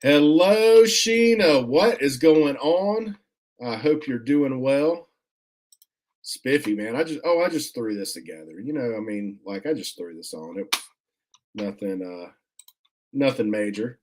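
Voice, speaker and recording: A man hosting a casual comic unboxing video. He talks in a relaxed, rambling way with many fillers and restarts, and often stops to thank viewers for their comments. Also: lowish voice, moderate pace, long pauses. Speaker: comic collector vlogger, host.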